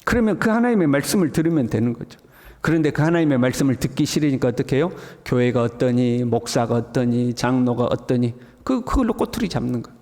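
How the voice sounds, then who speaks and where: A male pastor preaches an early morning sermon in a church sanctuary, frequently acting out the mocking voices of scoffers. His voice is on the high side with a darkish tone, and the hall carries a long reverb.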